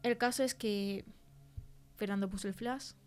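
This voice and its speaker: Soft background music plays as a young actress, in the role of a rattled film-crew woman, chats and teases while relating an eerie story in colloquial Castilian Spanish. The piece is a conversational interview in an audio fiction podcast, and her mood is uneasy but candid. She speaks unhurriedly in a clear, resonant mid-range voice with fairly even intonation, close to everyday speech.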